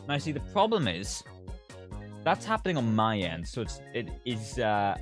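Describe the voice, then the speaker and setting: This young male streamer talks through a headset mic in a casual, swearing way, aimed right at his chat. His pitch jumps around a lot. Faint music plays behind him. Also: huge pitch swings, moderate pace. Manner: chatty, swears freely, talks straight to chat.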